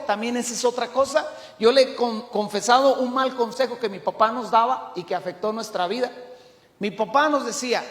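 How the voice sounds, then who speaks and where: A middle-aged Mexican man preaching a sermon as pastor, emphatic, swinging from loud to hushed. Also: very high-pitched. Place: church hall. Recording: echoey church hall.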